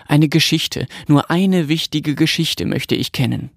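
Man doing a curious little girl, pleading, quick to get cross, dry close read. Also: a little high, vocal fry, no echo.

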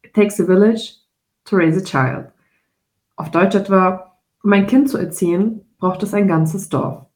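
A woman in her twenties from Germany co-hosting a podcast, speaking in a thoughtful, measured way. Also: medium pitch, darkish tone. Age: 20s. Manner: thoughtful, measured, laughs easily. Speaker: podcast co-host. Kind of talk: casual podcast conversation. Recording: roomy echo.

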